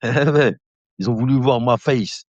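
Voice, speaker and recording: A man in his fifties hosts a casual live stream, chatting with viewers, calling them brother, rambling in a relaxed way and laughing often. His mid-range voice moves at a measured pace. The recording is dull, lo-fi and dry.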